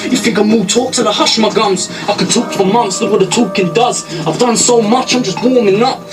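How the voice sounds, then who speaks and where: A man's voice: high voice, a little fast. A man with a British accent rapping an intense verse full of wordplay. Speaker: rapper. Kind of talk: rap verse over a beat. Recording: loud beat under the vocal. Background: loud backing music.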